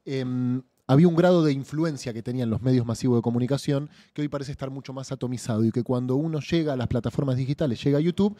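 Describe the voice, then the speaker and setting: A man with an Argentine accent hosting an interview, asking long, measured questions with brief affirmations. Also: medium pitch, warm tone, no room sound, clean studio sound. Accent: Argentine Spanish. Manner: measured, polite, short affirmations. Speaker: podcast host, interviewer.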